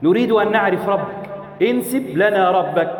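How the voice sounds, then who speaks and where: A high-voiced man delivers a fervent sermon, hammering phrases through repetition and now and then drifting into a chant. His voice rings through a large hall with a long, echoing reverb. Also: lively intonation, moderate pace. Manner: impassioned, rhetorical repetition, sometimes chanting. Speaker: preacher.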